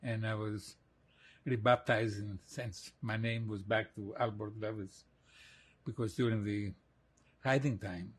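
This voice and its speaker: A man in his eighties from Greece, slowly and reflectively recalling his childhood in an oral history interview, with soft laughs. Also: on the low side, steady tone, husky. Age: 80s.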